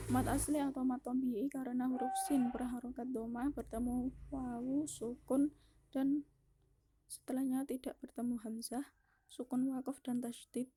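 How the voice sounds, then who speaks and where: Young indonesian woman explaining recitation rules step by step, very dark husky voice, pretty flat delivery. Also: high voice. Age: young adult. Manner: careful and methodical, listing rules step by step; restarts words mid-sentence. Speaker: university student presenter. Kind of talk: class presentation on Quran recitation rules.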